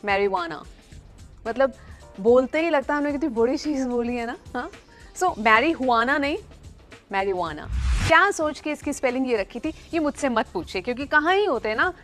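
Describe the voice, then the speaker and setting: A young woman with a high voice teaches pronunciation in a playful, teasing way. She spells words out letter by letter. Soft music plays behind her. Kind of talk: chatty pronunciation lesson.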